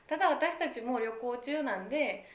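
A woman's voice: sits high, lively intonation, normal speed. A woman with a Kansai accent chatting casually, telling a story with a giggly manner. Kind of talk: casual chat. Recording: roomy echo.

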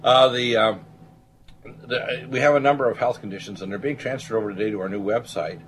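A man's voice: medium pitch, brisk, a bit bright, slight background noise. A man hosting a talk show as a doctor, speaking off the cuff to listeners in a self-assured, salesman-like way. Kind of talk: unscripted monologue to listeners.

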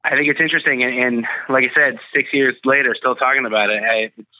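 A man's voice: mid-range voice, fast, dry recording, phone-quality sound. A young man, a guest actor, telling stories with a laugh in casual podcast chat. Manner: laughing storyteller, self-deprecating.

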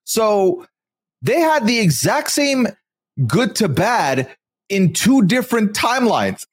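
A male podcast host talks through a recap in a loose, rambling way, often breaking into chuckles. His voice moves around a lot in pitch and sits a bit above the usual for men. The recording is close and dry. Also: no room sound. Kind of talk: casual recap chat.

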